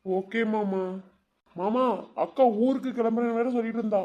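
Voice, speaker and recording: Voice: medium pitch, moderate pace, a little mellow, lightly acted. A voice actor playing an eager, loyal young village girl in a cartoon, confiding earnestly. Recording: dull lo-fi sound.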